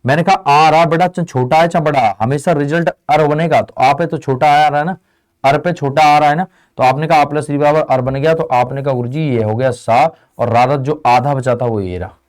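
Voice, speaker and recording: A man's voice: fairly high pitch, moderate pace. A young man teaching a lesson in a chatty way, often asking students whether they follow. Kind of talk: classroom lesson.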